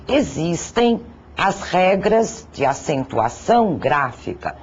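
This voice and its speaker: A teacher narrating a grammar lesson, deliberate and careful, sounding out syllables and listing example words one by one. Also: mid-range voice, very animated, slight background noise. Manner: slow, deliberate, spells out syllables and lists examples. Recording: dull lo-fi recording.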